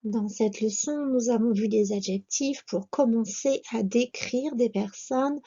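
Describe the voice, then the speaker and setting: A woman giving a language lesson, pronouncing each word slowly and carefully and asking the listener to repeat. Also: on the high side, mellow, breathy edge. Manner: slow, careful pronunciation with repetition prompts. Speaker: English teacher. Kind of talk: slow, deliberate language lesson. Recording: dull lo-fi recording.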